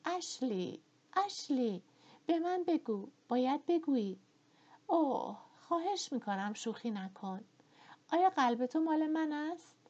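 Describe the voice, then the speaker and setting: A woman's voice: high-pitched, sing-song, a little mellow, lo-fi sound, pitched above the performer's own voice. Woman voicing a pleading lovesick young belle. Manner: pleading, breathless questions.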